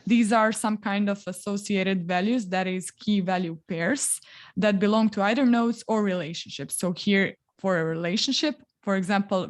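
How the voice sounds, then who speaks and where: A young woman from Croatia gives a technical talk at a meetup. Her voice sits at a middle pitch, and she explains step by step in a plain way, often pausing on "uh" and "so.". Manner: plain explanatory, many "uh, so" fillers. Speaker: developer relations engineer, speaker. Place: meetup venue.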